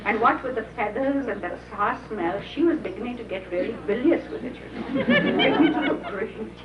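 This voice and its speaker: An older woman telling a chuckling, unhurried anecdote to a small gathering, preserved on an old VHS tape. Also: a little high, very animated, crowd noise. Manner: chuckling, unhurried storytelling with frequent laughs. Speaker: storyteller at a gathering. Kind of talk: reminiscing anecdote told to a small audience. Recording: muffled, hissy old tape, echoey room from far off.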